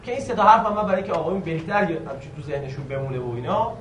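A man teaching a grammar lesson, quizzing the students with questions and slowly stretching out key words. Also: fairly high pitch, expressive, distant mic, a little hiss or hum. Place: classroom. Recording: echoey room recorded from afar.

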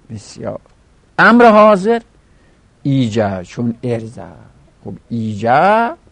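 A man's voice: mid-range voice, vocal fry, husky. Man teaching grammar, chanting forms. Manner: explains step by step, chanting word forms aloud. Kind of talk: grammar lesson.

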